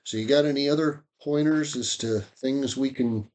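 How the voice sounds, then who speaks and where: A man's voice: mid-range voice, moderate pace, a little mellow. A man hosting an interview, casually restating points and asking folksy follow-up questions. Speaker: interviewer host. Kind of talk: conversational podcast interview.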